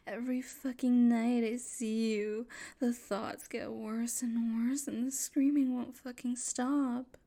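A woman with a slightly high, mellow voice plays a possessive, unstable, domineering woman in an intimate audio roleplay. She whispers and coos, breathy and menacing.

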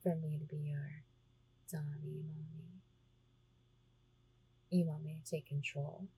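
A woman with a low, mellow voice speaks slowly right at the microphone in an intimate roleplay. Her tone is very breathy and husky, and she teases, easing in and out of whispers. The delivery stays hushed and close throughout. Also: little pitch movement, rough recording. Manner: teasing, slips between soft talk and whispers. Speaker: audio roleplay performer.

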